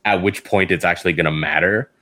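A man's voice: sits low, quick pace, bright, forceful tone. A man hosting a casual discussion in a conversational way.

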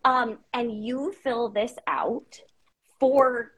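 A woman in her thirties talks as a podcast guest, and her voice sits a little high with a husky, breathy edge. She tells candid stories in a lively, casual way and scatters fillers through her sentences. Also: drawn-out words, low-quality recording. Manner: candid, animated storytelling with many "like" fillers. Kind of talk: casual chat.

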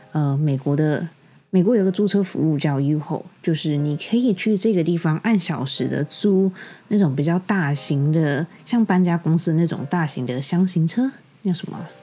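A young woman with a Taiwanese Mandarin accent, hosting a podcast and telling a story in an exasperated, lively way. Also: sits low, moderate pace. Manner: exasperated, animated retelling with quoted dialogue. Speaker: podcast host. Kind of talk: casual storytelling monologue. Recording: soft music bed behind. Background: faint background music.

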